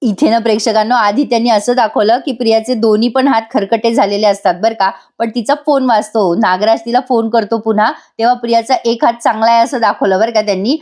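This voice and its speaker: A woman's voice: a little high, fairly even intonation, brisk, hardly any pauses, a little mellow. A woman giving a chatty voice-over review of a TV serial, talking straight to viewers and laughing often.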